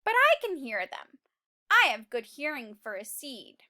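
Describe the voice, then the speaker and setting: A woman's voice: high voice, big pitch swings, unhurried, sharp tone, exaggerated voice. A woman voicing a grumpy, boastful little male seed in a storybook, confessing bluntly and with emphasis. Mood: menacing. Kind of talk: storybook read-aloud.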